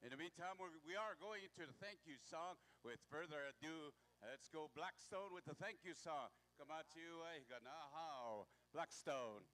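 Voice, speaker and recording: High-voiced man emceeing a powwow. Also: moderate pace, hardly any pauses, sharp tone. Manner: rousing, calls out to crowd. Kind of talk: powwow emcee announcing and calling dancers. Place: outdoor powwow arbor, over microphone.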